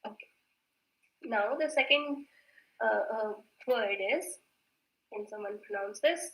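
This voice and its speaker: A woman teacher talks slowly and patiently through a grammar lesson, repeating each word. Her voice is bright and a little high. The room around her sounds echoey. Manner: patient, repeats words slowly, mixes in Hindi; clears throat often. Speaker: Korean language teacher. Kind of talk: online grammar class.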